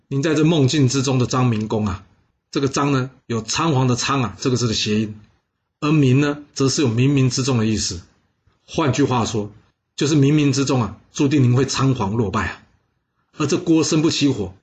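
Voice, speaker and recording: Brief: a man playing a doomed fortune-teller in an audio story, low, quiet, resigned. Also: a little fast, lightly acted. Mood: solemn.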